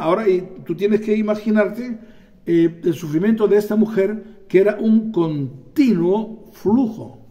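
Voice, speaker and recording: A man preaching a sermon, animated, acting out voices and calling on the congregation for amens. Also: sits high, dull audio.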